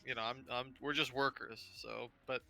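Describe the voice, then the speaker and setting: A man's voice: medium pitch, fairly even intonation, moderate pace, vocal fry, bright, forceful tone, soft background music. A man chatting casually as a player in a tabletop game. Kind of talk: casual chat.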